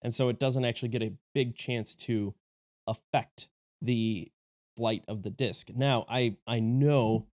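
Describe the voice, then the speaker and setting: A man with a slightly sick, off-sounding voice hosts a casual review vlog. He is chatty and enthusiastic and jokes as he goes. His pitch sits in the middle, and the recording is dry and close, with no room echo. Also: fairly even intonation, measured pace, darkish tone. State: sick, voice a little off. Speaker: disc golf video host.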